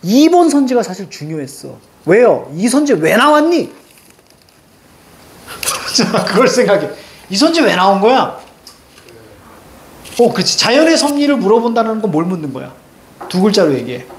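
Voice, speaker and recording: A man with a high-pitched voice teaching an online class. He speaks with lively energy and keeps checking in with quick, repeated questions to his students. Faint background noise sits under the recording. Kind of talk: online lecture.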